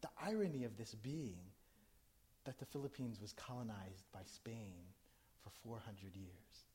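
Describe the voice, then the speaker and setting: Warm-toned and on the low side, a middle-aged man from New Jersey, USA, speaks at a measured pace, first talking with his live audience and asking them questions. He then performs a spoken word poem, reciting with mounting intensity.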